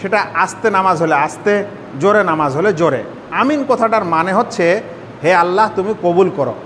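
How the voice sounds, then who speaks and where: In a reverberant hall with a faint rumble, a high-voiced man gives a religious lesson on prayer in the manner of a sermon. This Islamic scholar walks listeners through each step and asks them rhetorical questions, his voice a bit bright and his pace moderate.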